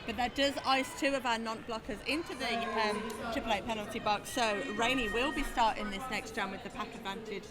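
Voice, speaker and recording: A woman with a high voice calls roller derby action with playful, excited energy. A loud crowd roars behind her throughout. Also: a little fast, hardly any pauses, music in the background. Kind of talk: live sports commentary.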